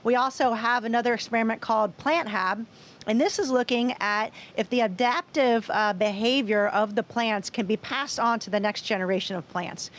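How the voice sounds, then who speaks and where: A woman speaking as an astronaut, giving explanatory interview answers. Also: fairly high pitch. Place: inside a space station.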